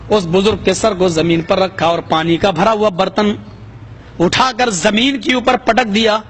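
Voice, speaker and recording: High-voiced man telling a sermon story. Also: a bit bright. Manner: dramatic, rising pitch for quoted voices. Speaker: preacher.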